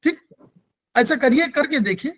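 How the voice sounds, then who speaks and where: A man's voice: very high-pitched, animated, unhurried, a bit bright. A man teaching an acupressure class, explaining patiently and quizzing his students as he goes. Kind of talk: online class lecture.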